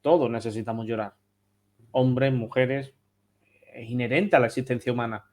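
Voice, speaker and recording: A man's voice: medium pitch, fairly even intonation, normal speed, darkish tone. Passionate Spanish-accented man, video call. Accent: Spanish from Spain. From Spain. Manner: passionate, emphatic, repeats phrases. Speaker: therapist guest. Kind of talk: remote interview.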